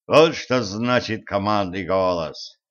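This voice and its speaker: A man's voice: lowish voice, takes it slowly. A man voicing an old, world-weary sorcerer-villain with dry, sarcastic drawling remarks, on a dull lo-fi recording. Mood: wry.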